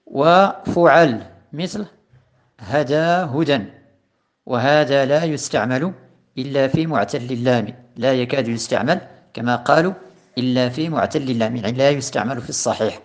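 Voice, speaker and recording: A man teaching a recorded lesson on a grammar poem, slow and deliberate, repeating and stressing each pattern. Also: medium pitch. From Morocco. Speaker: teacher of Arabic morphology.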